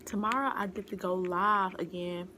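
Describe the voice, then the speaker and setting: A young woman vlogger chatting casually in a soft, whispery voice, calling her viewers y'all during a mukbang. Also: on the low side, fairly even intonation, normal speed, noisy background.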